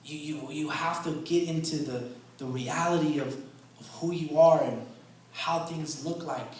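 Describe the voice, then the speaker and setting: A man preaching a sermon in a conversational storytelling way, often saying "man" and repeating words, and getting loud and intense to drive a point home. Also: fairly high pitch, steady tone, a little slow, slight background noise. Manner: rises loud and intense for emphasis. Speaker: guest preacher. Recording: echoey hall, voice picked up from a distance.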